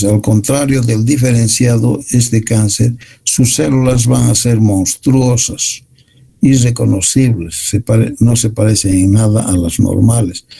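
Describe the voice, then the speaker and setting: A man giving a university medical lecture, explaining slides in a measured way. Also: medium pitch, creaky, mellow, breathy edge, low-quality recording.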